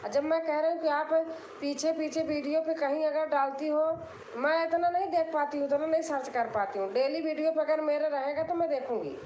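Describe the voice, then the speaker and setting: A woman's voice: high-pitched, fairly quick, dark tone, echoey room, dull audio, a little hiss or hum. A woman from Allahabad, hosting a casual live stream and answering comments in an insistent, repetitive way, explaining herself. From Allahabad, India.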